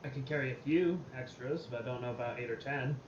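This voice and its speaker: A man's voice: medium pitch, fast. A man talking casually and tactically with teammates as a team leader in game voice chat. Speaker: team leader in an online military sim. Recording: echoey, muffled, noisy game voice chat.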